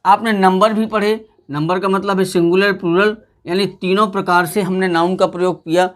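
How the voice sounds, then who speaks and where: A man teaching a grammar lesson, addressing viewers as friends and slowly repeating example sentences. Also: high voice.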